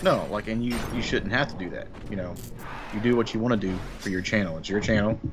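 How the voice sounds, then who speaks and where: A man with a fairly low voice talks quickly and casually while playing a co-op game as a guest, sounding easygoing and chatty and using lots of fillers. Music and other background noise play behind him.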